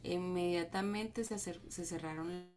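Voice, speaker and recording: A woman reading scripture aloud to a group, steady but with small stumbles and restarts. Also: on the low side, a little slow, faint music behind. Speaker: Bible reading leader.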